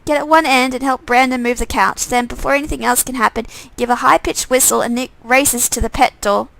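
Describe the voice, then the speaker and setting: A woman's voice: a little high, steady tone, brisk, vocal fry, a bit bright, poor audio. A woman reading a visual novel aloud on a stream, narrating in the second person with small slips. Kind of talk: reading game text aloud.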